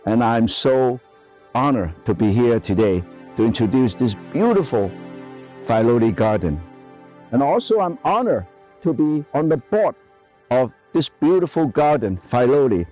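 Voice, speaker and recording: A man's voice: mid-range voice, animated, unhurried, warm tone, soft background music. An older man from Guangzhou with a Cantonese accent, presenting a documentary to camera in enthusiastic, emphatic English with broken phrasing. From Guangzhou, China. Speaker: chef and presenter.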